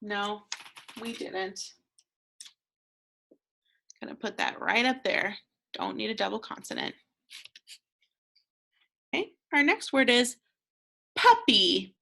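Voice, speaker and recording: An American woman teaching a slow, clear phonics lesson to young children, patient and encouraging, pausing for answers. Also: mid-range voice, animated, bright, forceful tone. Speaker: second grade teacher.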